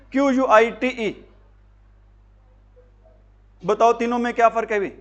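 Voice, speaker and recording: A high-voiced man lectures a class on grammar. He fires questions at his pupils, then answers them himself, repeating key words with emphasis. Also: fairly bright tone. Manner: repetitive, emphatic teaching. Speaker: English teacher for job exams.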